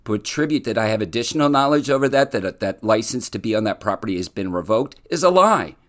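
A man with a somewhat low voice delivers a solo podcast monologue. He speaks earnestly and deliberately, leaning on legal phrasing. He often stumbles and restarts mid-sentence before pressing on. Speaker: podcast host.

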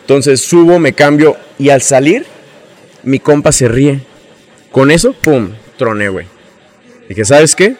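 A young man with a Mexican accent, casually telling his own story as a guest, slangy and animated, acting out the dialogue he quotes. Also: mid-range voice, measured pace, pauses often. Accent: Mexican Spanish.

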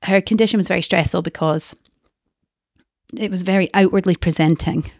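Glaswegian woman with a creaky voice. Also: on the low side, normal speed, dry recording, studio quality. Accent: Glaswegian Scottish. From Glasgow, Scotland. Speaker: interview guest. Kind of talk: candid personal storytelling in conversation.

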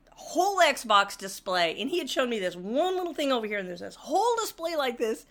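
A woman's voice: high voice, brisk. An older woman telling a funny story in casual chat, laughing often and acting out the people in it. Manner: animated, laughs often, acts out the people in her stories.

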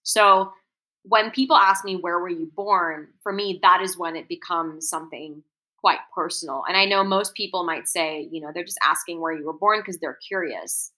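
A rough recording captures her fairly low, pushed and bright voice at a moderate pace. She's a woman from Singapore who has an American accent, recounting personal experiences in an interview with reflection. Her manner is earnest and articulate, laced with frequent "um"s and "right?"s.

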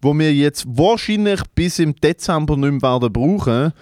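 A young man with a Swiss German accent trades jokes on a podcast, his voice sitting a touch high. He teases and laughs easily. The sound is dry and close, with no room around it. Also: animated, moderate pace, a little mellow, no room sound. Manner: teasing, laughs often, jumps in high when joking. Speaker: podcast co-host. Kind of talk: casual banter. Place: small studio room.

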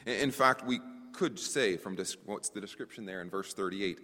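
A man preaching a conference sermon to brothers and sisters, animated, often repeating words as he searches for the phrasing. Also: lowish voice, moderate pace. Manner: addresses listeners as brothers and sisters. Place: conference hall. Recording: long hall reverb.

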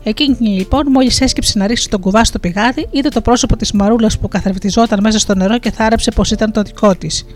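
A storyteller telling a traditional fairy tale in a steady, lilting rhythm at a middling pitch. Soft music runs faintly beneath the narration. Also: hardly any pauses. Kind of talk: folktale narration.

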